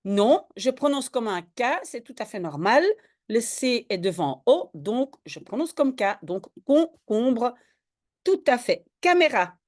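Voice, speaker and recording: A woman's voice: a little high, big pitch swings, a little slow. A woman tutoring a student in French spelling, patiently explaining each word step by step. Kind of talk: one-on-one spelling lesson.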